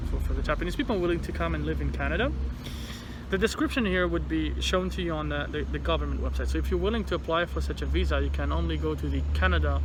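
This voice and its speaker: Man talking through a face mask, noisy street. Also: a little high. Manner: halting, repeats words. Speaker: vlogger giving visa advice. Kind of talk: informal explainer to camera. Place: outdoors in a city. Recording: noisy outdoor city traffic background.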